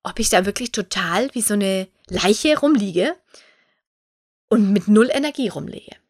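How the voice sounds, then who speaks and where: Hosting her German podcast alone, a photographer and coach speaks in a mid-range, rather dark voice with lively intonation and a measured pace. Her casual, expressive monologue includes asides where she voices her own thoughts as quotes.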